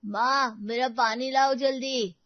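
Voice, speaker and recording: A woman's voice: a little high, measured pace, no room sound, natural voice. A woman voicing a spoiled, demanding young boy in a cartoon who bosses his mother around. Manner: demanding, bratty. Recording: dull dry recording.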